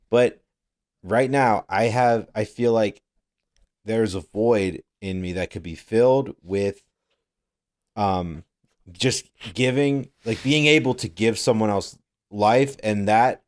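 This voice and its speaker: A man's voice: fairly low pitch, takes it slowly. Rambling, swearing young man. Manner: rambling, swears a lot, laughs often. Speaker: podcast co-host. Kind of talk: casual chat.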